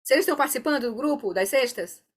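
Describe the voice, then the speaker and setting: A woman with a slightly high voice leads a meditation class over a video call. She explains things patiently and often checks in with her students as she goes. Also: fast talker. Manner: calm, explanatory, often asks "né?". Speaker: Dharma teacher.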